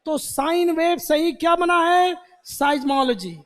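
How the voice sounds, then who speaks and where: A man's voice: extremely high pitch, a little slow, fairly bright tone. A man teaching vocabulary to a class, repeating words and quizzing students with questions. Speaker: English teacher. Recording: long hall reverb.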